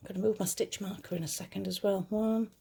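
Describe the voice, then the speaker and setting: Leading a crochet tutorial, a woman chats her way through each step in a mellow, soft-edged voice with a touch of gruffness, pitched lower than she usually speaks and sitting at a middling level. She goes fast with fairly even intonation, correcting herself and reassuring beginners in this casual craft lesson.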